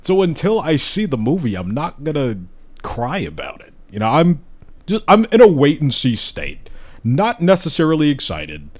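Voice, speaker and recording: A man's voice: fairly high pitch, wildly swooping pitch, normal speed, darkish tone. A man hosting a casual live podcast chat, talking enthusiastically and rambling with restarts, hiccuping now and then. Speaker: host.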